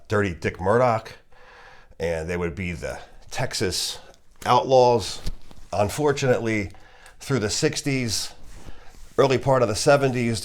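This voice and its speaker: A man with a broken nose and slightly off breathing gives unscripted, halting commentary as he presents a collection of magazines. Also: low voice.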